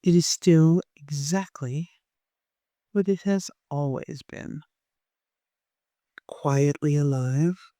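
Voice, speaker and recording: A meditation guide of unclear sex, speaking gently and softly in an unhurried way, with long pauses, leading a guided meditation. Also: medium pitch, dry recording.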